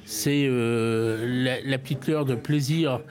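Older French man, halting storyteller. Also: medium pitch, fairly even intonation, music in the background. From France. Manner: hesitant, frequent repeated words and restarts. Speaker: restaurant owner. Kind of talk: interview, casual storytelling.

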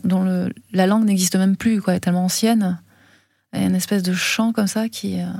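Hesitant Frenchwoman with a gravelly voice. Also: mid-range voice, darkish tone, no echo, studio quality. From France. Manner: hesitant, many fillers and restarts. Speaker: guest filmmaker. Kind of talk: interview conversation.

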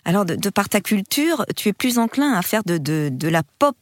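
A woman's voice: mid-range voice, sing-song, normal speed, dry recording, clean studio sound. A woman presenting a wellness show as a public radio host.

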